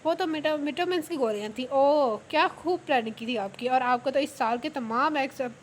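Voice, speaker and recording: A woman reads a proud young wife who speaks in a flat, cutting tone. The voice is high and plain, as in a storybook read aloud, with a faint hiss of room noise behind it. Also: brisk, natural voice. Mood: cold. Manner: flat, sarcastic.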